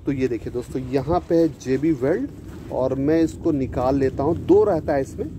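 A man with a medium-pitched, dark voice talks at a normal speed, with a little hiss or hum in the audio. He's a DIY repair video host standing outdoors beside a scooter, casually narrating a hands-on fix for viewers he treats as friends. He chats in Hindi, mixing in English words as he works.

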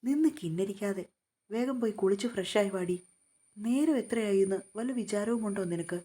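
A woman's voice: mid-range voice, normal speed, mellow, lightly acted. A woman voicing a stern, short-tempered young husband who scolds and gives orders in a storybook reading. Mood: scolding. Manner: scolding, commanding.

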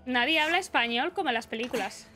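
A woman's voice: high voice, quick pace, sharp tone, faint music behind. A young woman from Spain with a Spanish accent, chatting casually through live gameplay commentary and breaking into shrieks and swearing when she gets startled. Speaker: streamer.

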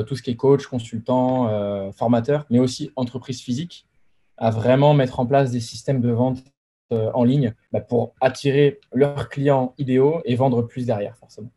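A man's voice: mid-range voice, dark tone, breathy edge. A man in his twenties from the Paris region, a guest entrepreneur chatting casually on a video call with many fillers and restarts. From Paris region, France. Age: 20s. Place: bedroom with framed pictures, indoors. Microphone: video call webcam.

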